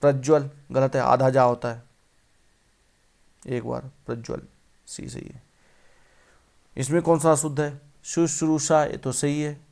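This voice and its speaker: A male tutor works through exam questions on correct spelling. His voice is gravelly and sits at an ordinary mid pitch. He keeps repeating each word and asking the viewer what it should be. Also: level tone, a little slow, a little mellow. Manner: repeats words and quizzes the viewer. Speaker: teacher. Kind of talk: exam-prep lesson on spelling.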